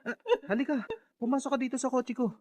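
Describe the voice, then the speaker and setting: A man's voice: very high voice, steady tone, fast talker, a little mellow, dry recording. A man playing a loyal, concerned friend in a radio drama, talking in an earnest, soothing way. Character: caring loyal male friend, steady and concerned.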